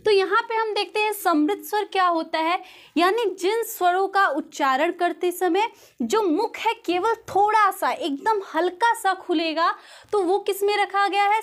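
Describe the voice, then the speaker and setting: A female tutor with a very high voice teaches a classroom lesson step by step, patiently posing rhetorical questions and then answering them. She is heard from a distance in an echoey room with faint background noise.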